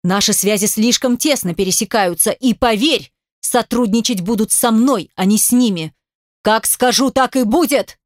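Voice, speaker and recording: A stern, aging father snaps orders and rages at his grown daughter in this audiobook scene, voiced by a woman reader. His lines come out clipped and commanding, at a middling pitch. The sound is dry and close, with no room echo. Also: normal speed, lightly acted. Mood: furious shouting. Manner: harsh commanding, shouts threats. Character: domineering angry aging father, middle-aged man. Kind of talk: audiobook character voice.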